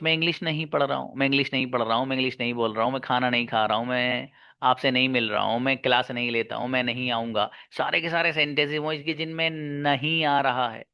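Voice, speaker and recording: A male teacher leads an online grammar lesson in a bright, forceful voice. The sound is close and dry. He keeps repeating key terms and answers his own questions to the class. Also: medium pitch, dry recording. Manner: asks students questions and answers them himself; stretches out English example sentences slowly. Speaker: English teacher. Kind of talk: online spoken-English lesson.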